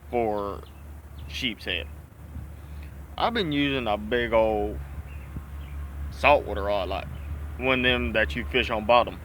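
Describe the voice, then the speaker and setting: A man's voice: mid-range voice, pushed and bright, a little hiss or hum. A man with a Southern US accent chats casually and folksily, with mild swearing, as he talks around a dip of chewing tobacco. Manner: folksy, mildly profane. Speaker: fishing vlogger. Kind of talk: casual rambling chat to camera.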